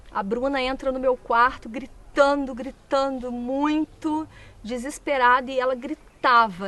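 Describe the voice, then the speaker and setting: A woman with a high, bright-toned voice gives a church testimony in a sit-down interview. She tells her story vividly and slips into the voices of the people in it. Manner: vivid storytelling, acting out quoted speech. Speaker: church member giving a testimony; mother.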